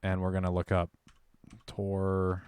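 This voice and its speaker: A man's voice: low voice, monotone, normal speed, darkish tone, clear, resonant tone, dry recording. A young man co-hosting a podcast in casual chat, reading announcements aloud and adding side comments. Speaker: podcast co-host.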